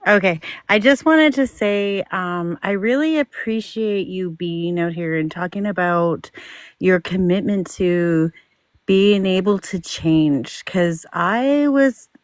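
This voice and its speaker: A woman's voice: lowish voice, slow, dry recording. A woman telling personal stories casually, in a reflective and earnest way. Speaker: discussion participant.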